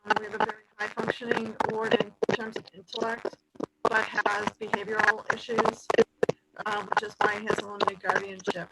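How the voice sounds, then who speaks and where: A woman's voice: medium pitch, little pitch movement, gravelly. A woman attorney giving a formal status report to a judge over a remote call, her voice garbled as if underwater. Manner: formal, measured, addresses the judge. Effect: garbled underwater-sounding connection. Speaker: guardian ad litem attorney. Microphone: remote video call. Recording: loud noisy garbled remote call line.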